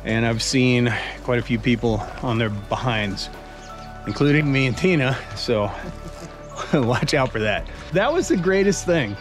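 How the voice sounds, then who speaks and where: A man's voice: medium pitch, animated, a little slow. A man in his forties hosting a hiking vlog outdoors, chatting casually and joking between laughs. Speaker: hiking vlogger. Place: outdoors in a creek canyon. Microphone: camera-mounted mic held at arm's length. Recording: music playing behind.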